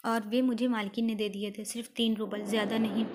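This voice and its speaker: A woman plays a meek, tearful young governess who answers in short, hesitant replies. The reading stays fairly high and flat, with little rise and fall. Gentle and subdued throughout. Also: fairly quick, background noise, lightly acted.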